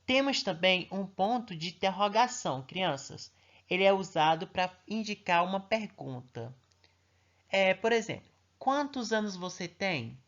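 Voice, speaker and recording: A male primary teacher talks young children through an online grammar lesson. He reads each example slowly and emphatically, then keeps asking the class short check-in questions. The recording is muffled and lo-fi. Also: high-pitched, lively intonation, a bit bright.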